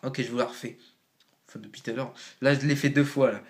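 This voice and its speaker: A man's voice: medium pitch, fairly even intonation, quick pace. Slangy young man explaining casually. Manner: slangy, loose, thinking aloud. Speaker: amateur rapper explaining rhyme. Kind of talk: casual home-made tutorial.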